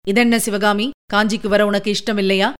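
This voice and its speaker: A woman's voice: medium pitch, little pitch movement, normal speed, fairly bright tone, smooth, close to an everyday voice. A woman voicing a stern, sarcastic young male prince in an audiobook, speaking in a cutting, reproachful way. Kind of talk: audiobook character reading.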